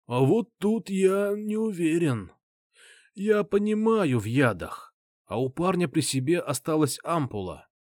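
A man voicing a shrewd older male ally who speaks slowly and deliberately, in an audiobook. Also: a little high, animated, a little mellow, no echo, clean studio sound, voice pushed up. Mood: measured.

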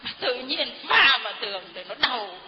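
A woman's voice: on the high side, very animated, normal speed. A middle-aged woman giving an earnest, deferential testimony to a priest in a church hall. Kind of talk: heartfelt spoken testimony. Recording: dull reverberant hall recording.

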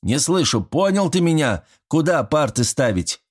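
A man voicing a gruff, bossy one-armed elderly school caretaker and war veteran who barks and scolds his son. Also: mid-range voice, expressive, normal speed, pitched above the performer's own voice, close to an everyday voice. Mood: angry. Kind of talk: audiobook character voice.

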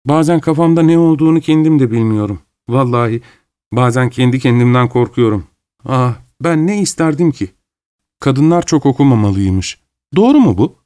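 A man reading an audiobook, voicing a brooding, earnest young woman who speaks softly and hesitantly. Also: a bass voice, animated, moderate pace.

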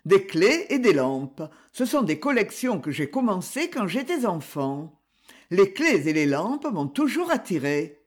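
A cultured gentleman collector, as a woman reader voices him in a storybook reading, courteous and modestly apologetic. The delivery is slow, with a lively, rising and falling pitch. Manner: polite, gently self-deprecating. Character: refined erudite male collector, courteous. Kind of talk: audiobook character reading.

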